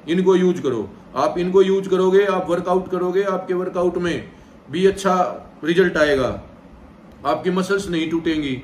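Speaking directly from his sofa at home, a gym trainer in his thirties calmly guides viewers through a vegetarian diet plan in a casual vlog, using "theek hai" again and again to check in. He has a fairly high pitch. The set-back camera, with no mic visible, yields an echoey room sound and slight background noise.

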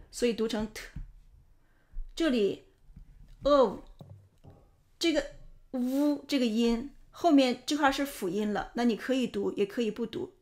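Patient woman explaining an English lesson. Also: on the high side. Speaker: English teacher explaining in Chinese.

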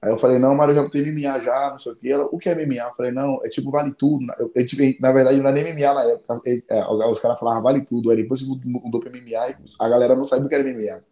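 A man's voice: medium pitch, steady tone, racing, few pauses, dark tone. Man, 30s, casual interview, rambling, repetitive, roomy echo. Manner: rambling, repeats phrases, slangy. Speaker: interview guest, MMA fighter.

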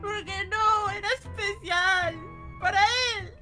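A woman voicing a tearful young male fox sidekick in a Minecraft roleplay, sobbing and pleading softly. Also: very high voice, steady tone, slow pace, exaggerated voice. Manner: sobbing, pleading, soft-spoken. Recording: loud background music. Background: game music.

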